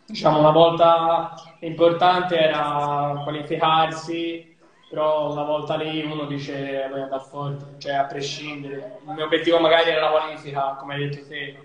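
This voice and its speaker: A man hosting a live-stream interview, asking his guests questions in a relaxed, conversational way. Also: a little high, normal speed, heavy reverb, lo-fi sound. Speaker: host.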